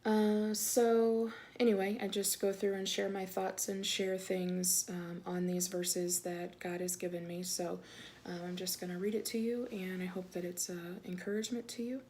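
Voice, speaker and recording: A woman talking casually about faith and reading her devotional blog aloud, soft-spoken with many fillers. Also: lowish voice, level tone, moderate pace, slight background noise.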